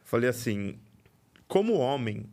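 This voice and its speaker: A man's voice: medium pitch, a little slow. A man hosting a podcast, telling a story in casual chat and acting out the voices in it. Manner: animated, acts out quoted dialogue. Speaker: podcast host.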